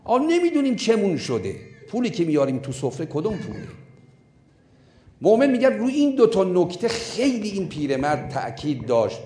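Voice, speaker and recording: Animated man preaching in an echoey room. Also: high-pitched, slight background noise. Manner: animated, emphatic storyteller, slowing down for key points. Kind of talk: sermon storytelling.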